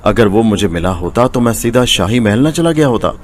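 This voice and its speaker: A man voicing a nervous, quick-tempered village potter in a storybook tale. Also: fairly low pitch, lively intonation, a little hiss or hum, close to an everyday voice. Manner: evasive then angry.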